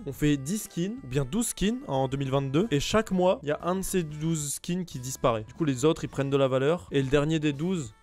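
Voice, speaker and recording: Man, gaming clip reactions, mumbled asides, sudden shouts, faint music behind. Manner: chatty, mumbles low asides, bursts into shouts. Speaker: gaming streamer reacting to clips. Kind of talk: casual reaction commentary.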